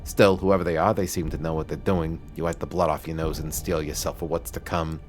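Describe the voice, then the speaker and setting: A man streaming, reading a visual novel's narration aloud in a steady voice with occasional stumbles. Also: extremely low pitch, a little fast, soft background music. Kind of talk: reading game text aloud.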